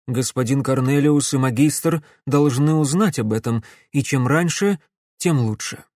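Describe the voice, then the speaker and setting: A man's voice: mid-range voice, measured pace, a little mellow, no room sound, studio quality, lightly acted. A man voicing an anxious male professor explaining a discovery in an audiobook. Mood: worried.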